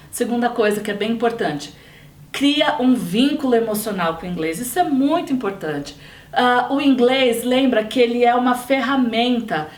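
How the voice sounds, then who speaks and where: A woman's voice: on the high side, recorded from a distance. A Brazilian woman teaching an online English lesson in an explanatory way, often repeating and rephrasing her points. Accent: Brazilian Portuguese. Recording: roomy echo, voice set back from the mic.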